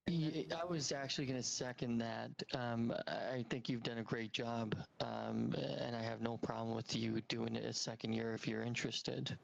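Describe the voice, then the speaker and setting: Brief: male commission member, gravelly tone, laid-back and jokey. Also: mid-range voice, level tone, moderate pace, hardly any pauses, highs cut off. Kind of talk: casual meeting talk.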